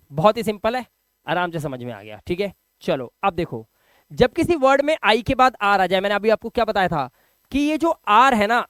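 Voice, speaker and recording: A man's voice: sits high, a bit bright, clear, resonant tone, no room sound. A man teaching an English lesson and speaking emphatically. He repeats each word and keeps asking the viewer questions. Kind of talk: spoken classroom lesson.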